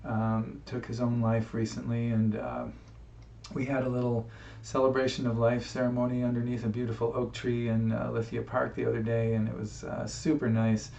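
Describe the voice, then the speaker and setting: A man with a gravelly, creaky voice talks to camera in a heartfelt, halting tribute. He sounds set back from a webcam mic in a roomy space, with a dull, muffled tone. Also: mid-range voice, completely flat delivery, a little mellow, far from the mic, slight background noise. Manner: reflective and heartfelt, halting with fillers. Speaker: musician. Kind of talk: personal tribute talk to camera. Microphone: webcam microphone.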